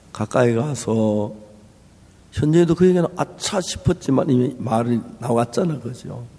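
A male preacher telling a story in a sermon, acting out the people in it and moving between hushed and raised voice. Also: mid-range voice, gravelly, slightly rough. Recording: long hall reverb.

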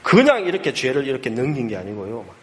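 A man preaching as a pastor, his pitch swinging widely as he drives each point home. He talks in an emphatic storytelling way and leans on punchy sound words for effect. His voice sits at an ordinary middle height for a man. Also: very animated, quick pace, a bit bright. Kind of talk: sermon.

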